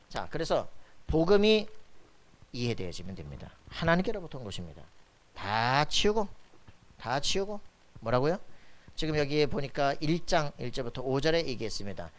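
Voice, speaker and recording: A pastor preaching a sermon, firing questions at the congregation and pressing for their answers. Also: male voice, fairly high pitch. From Korea. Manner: call-and-response questions to the congregation, emphatic. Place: church sanctuary.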